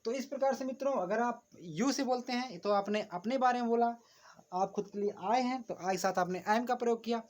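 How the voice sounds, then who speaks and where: A man's voice: extremely high pitch, a little fast, a little mellow. A man teaching a grammar lesson, patiently repeating each point and often addressing his viewers as friends while writing on a board. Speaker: English teacher.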